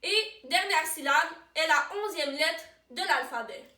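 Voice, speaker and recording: A woman playing a chipper quiz co-host who reads questions slowly and deliberately. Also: high voice, bright, forceful tone. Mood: playful. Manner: deliberate, slow question reading. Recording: roomy sound, far from the mic.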